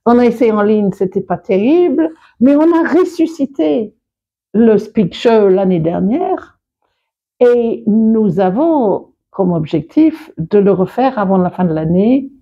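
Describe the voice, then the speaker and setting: Animated and a little slow, this woman speaks at medium pitch in a mellow voice, with lo-fi sound. A public speaker and coach, she's being interviewed and talks expressively, often laughing and starting sentences over.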